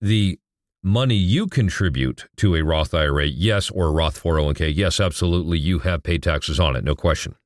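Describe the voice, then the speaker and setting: A man's voice: deep voice, a little fast, no echo, clean studio sound. A middle-aged man explaining retirement account taxes, emphatic and asking rhetorical questions that he answers himself. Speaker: financial educator. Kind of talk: explanatory financial talk.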